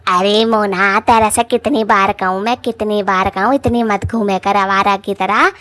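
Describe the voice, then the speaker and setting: A woman's voice: mid-range voice, fairly even intonation, measured pace, fairly bright tone, close to an everyday voice. A woman voicing a fussy, gossipy middle-aged mother in a cartoon, nagging in rustic folksy speech.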